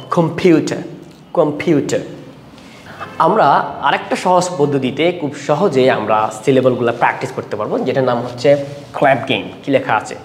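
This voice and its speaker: A man teaches pronunciation in a lesson, asking questions and answering them himself as he repeats words slowly. His voice sits at a middle pitch. The room is echoey with a long reverb, and there is a faint hiss behind him. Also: a little mellow. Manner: switches between Bengali and English. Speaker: English teacher. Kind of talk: classroom lesson on syllables.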